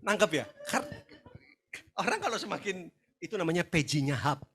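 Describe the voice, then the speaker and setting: Animated high-voiced pastor. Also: male voice, moderate pace. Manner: animated storytelling, acts out quoted voices, shouts and laughs. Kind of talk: lively conversational sermon.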